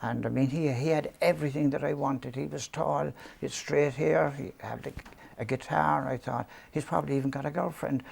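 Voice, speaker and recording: As an interview guest, a Cork-born man in his seventies, his accent mellowed by London, tells meandering stories mocking his younger self, full of ums and restarts. His fairly high voice stays steady at normal speed, with vocal fry, a darkish tone and a breathy edge.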